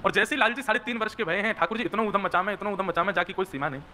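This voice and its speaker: A man telling a devotional story as a sermon, animated and folksy, with acted voices. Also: high voice, rapid-fire, a little hiss or hum. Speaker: devotional preacher.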